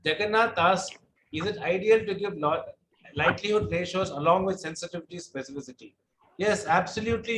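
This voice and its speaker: In a rough recording carrying a bit of hiss or hum, a middle-aged man with a high, fairly bright voice lectures online. His delivery drones, yet he patiently takes questions and breaks explanations into steps, repeating some things.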